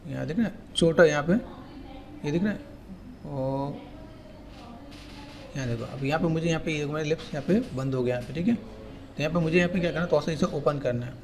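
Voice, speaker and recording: A man giving a casual, repetitive software tutorial, pointing things out step by step. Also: fairly high pitch, fairly quick, pauses often. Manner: repetitive, keeps saying "here" and "okay". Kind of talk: casual screen-recorded tutorial.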